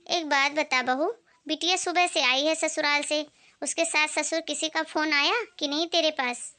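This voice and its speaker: A gossipy older aunt, as a woman acts her out, nodding along and stirring things. Her voice is high and bright, and her lines pry and approve. It plays as a moral-story drama. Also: steady tone, normal speed.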